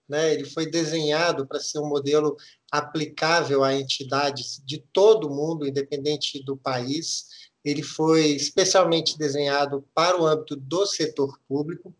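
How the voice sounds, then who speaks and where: A middle-aged guest auditor from Minas Gerais, speaking Brazilian Portuguese with a mineiro accent, explains a topic during a podcast interview. His voice is on the high side and steady in tone, and he proceeds in a measured way with hesitant restarts.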